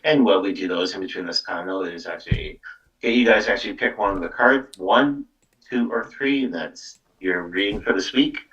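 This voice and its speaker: Rambling through a casual live psychic card-reading show streamed online, the male podcast host keeps repeating filler words such as "actually" and "though." His voice sits low and a bit bright, at a moderate pace. The recording is muffled, with the mic far away.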